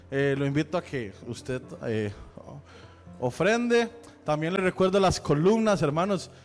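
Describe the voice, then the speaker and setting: A male pastor with a Central American Spanish accent, giving chatty church announcements and joking with the congregation. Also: fairly high pitch. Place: church sanctuary. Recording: long hall reverb with faint music.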